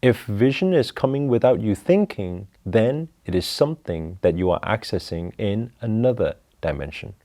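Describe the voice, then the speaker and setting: A man leading a guided breathing meditation, talking slowly and calmly through each step. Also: fairly low pitch. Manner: slow, calm, instructive.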